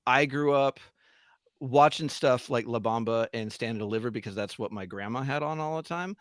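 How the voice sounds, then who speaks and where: A man from Southern California, a podcast guest chatting in a relaxed, easygoing way. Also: mid-range voice, no room sound, clean studio sound. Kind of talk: casual podcast chat.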